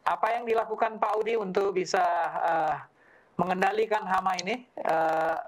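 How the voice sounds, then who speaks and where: A man's voice: high voice, steady tone, moderate pace. A man hosting an interview, asking polite questions with many fillers. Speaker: host.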